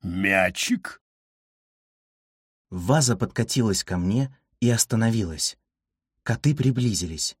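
Husky-voiced male storyteller. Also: lowish voice, normal speed, dry recording, clean studio sound. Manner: lively, expressive storytelling. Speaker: narrator. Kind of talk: storybook narration.

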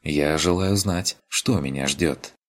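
A man's voice: a bass voice, slow. A man voicing a playful, bold young noblewoman in an audiobook, with a teasing, coquettish manner.

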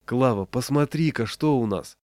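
A man voicing a dreamy, excitable city man who sighs and mutters, then bursts into excited shouts. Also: medium pitch, normal speed, no echo, close to an everyday voice. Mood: bemused. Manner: sighing exclamations, sudden excited shouts. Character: dreamy, excitable middle-aged man, easily distracted.

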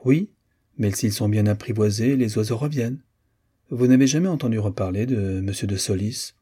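A man's voice: fairly low pitch, moderate pace, warm tone, husky. A man voicing a chatty, teasing young American society woman in an audiobook, playful and lightly mocking. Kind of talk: audiobook character voice.

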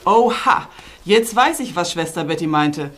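A jovial hospital doctor, with a lowish voice. She is breezy, teasing and reassuring in radio play style, over clear background noise. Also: animated, unhurried, a bit bright. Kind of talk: audio drama acting.

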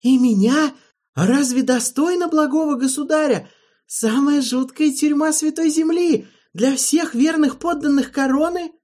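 A man doing a shrill, anguished courtier. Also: measured pace, darkish tone. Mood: anguished pleading. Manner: shrill and pleading. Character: anguished man begging his king for mercy.

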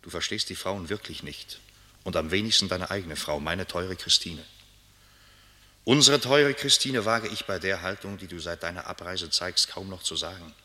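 In German literary radio drama, an actor plays a brooding, reserved aristocratic married gentleman whose conscience is pricked by a letter. With a deep voice and careful diction, he reads it aloud gravely and reproachfully, muttering asides. The delivery is expressive and exaggerated, sharp-toned, at a moderate pace.

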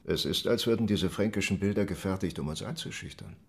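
In a radio drama monologue, an actor portrays a reflective Ottoman envoy recounting his travels in a deliberate, literary, expressive manner. His deep voice carries vocal fry, and he sounds fascinated and intense, marvelling yet troubled.

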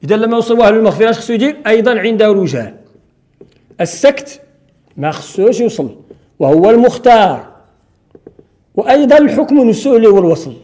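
A man's voice: sits high, very animated, fast talker, long pauses, dark tone. A man with a Moroccan accent teaching Quran recitation rules in a classroom lecture, explaining step by step and answering his own questions.

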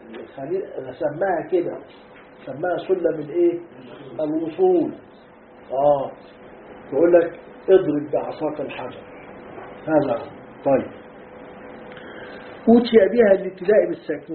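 A man with an Egyptian Arabic accent teaches a grammar lesson on Quran commentary in a fairly high voice. He keeps throwing questions at his students and answering them himself. The recording is tinny and phone-like, with a roomy echo and faint noise behind. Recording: tinny lo-fi echoey lecture hall recording.

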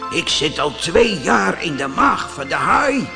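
A man voicing an old male woodcarver, a gentle father, in a storybook reading. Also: a little high, sing-song, slow, vocal fry, big-room sound, over music, voice pushed up, exaggerated voice. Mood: tender.

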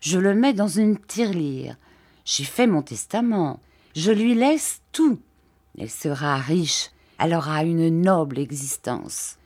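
A woman reading an audiobook, voicing a kindly, simple-minded older gentleman who talks in earnest, halting phrases. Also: sits low, big pitch swings, exaggerated voice.

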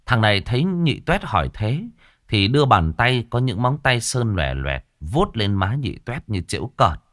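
Lively male narrator for a comic ghost story, colloquial and earthy, very animated. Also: on the low side, normal speed.

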